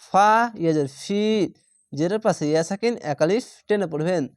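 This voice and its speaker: A man's voice: sits high, normal speed, a little mellow, no room sound, studio quality. A man teaching Quran reading, patiently spelling out Arabic letters and syllables one by one and drawing out the long vowels for learners. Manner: patient and methodical, repeats syllables and draws out vowels.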